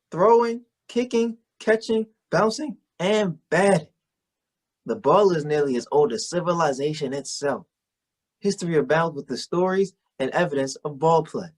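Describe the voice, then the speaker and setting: A man acts out a young college-student puppet on a children's show. His voice sits fairly high. He reads an educational report earnestly, presenting each point to the kids. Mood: eager. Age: young adult. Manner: earnest, presentational read-aloud.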